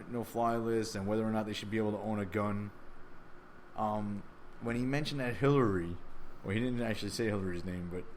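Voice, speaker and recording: A man co-hosting a casual talk radio show, loud and emphatic with mock outrage. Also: lowish voice, slight background noise.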